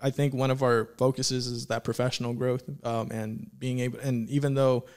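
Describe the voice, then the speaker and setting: A man's voice: mid-range voice, flat delivery, normal speed, a little mellow. A man of twenty-seven, a podcast guest and young business owner, chatting in an upbeat, agreeable way. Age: 20s. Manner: upbeat, laughs easily, agreeable. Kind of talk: casual chat.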